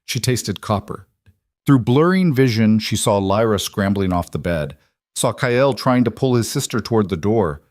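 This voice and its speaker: Deep-voiced man narrating a dramatic story. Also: lively intonation, normal speed, darkish tone, no room sound, clean studio sound. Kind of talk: scripted narration.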